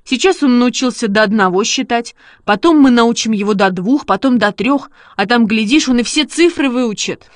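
An eager, bossy schoolboy, as a woman reads him aloud, coaxing and exclaiming in a high, bright voice. It is storybook reading, close and dry, with no room sound. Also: normal speed, few pauses, dry recording, close to an everyday voice. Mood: pleading. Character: eager excitable schoolboy, bossy dog trainer.

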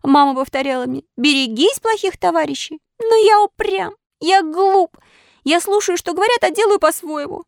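A woman voicing a cheeky, stubborn wooden puppet boy in a high, squeaky childlike voice for a storybook reading. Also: lively intonation, normal speed, fairly bright tone, no room sound, studio quality. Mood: wailing. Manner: high squeaky childlike voice, wailing when upset.

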